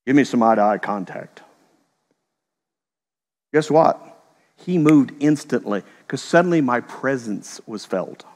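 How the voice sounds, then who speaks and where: A man's voice: medium pitch, expressive, darkish tone. Middle-aged male pastor, reverberant sanctuary. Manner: conversational storytelling with quick voiced quotes. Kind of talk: sermon.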